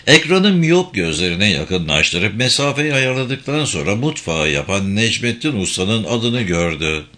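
A man narrates a crime novel in audiobook style with a measured, expressive delivery. His voice is bright and clear in tone. His pitch moves widely and lively through each sentence.

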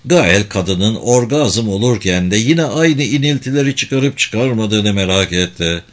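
A man narrating an audiobook in a measured, expressive reading voice. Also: fairly low pitch.

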